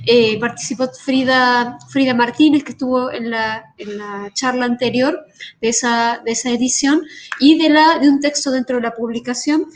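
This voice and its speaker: A woman from Argentina, giving an online conference talk as an artist and researcher, pausing often with fillers and restarts. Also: a little high. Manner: hesitant, many fillers and restarts. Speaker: guest speaker, artist and researcher. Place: home in Brazil.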